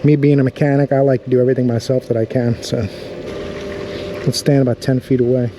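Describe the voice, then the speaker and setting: A man's voice: medium pitch, little pitch movement, quick pace, background noise. A man casually talking through a pool pump review outdoors by a backyard pool, in an easygoing, chatty way.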